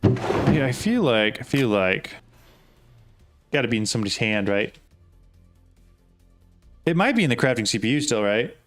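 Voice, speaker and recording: A man's voice: mid-range voice, sing-song, normal speed, pauses often, soft background music. A man streaming a game, thinking aloud in casual talk and often asking puzzled questions. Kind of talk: casual live gameplay talk.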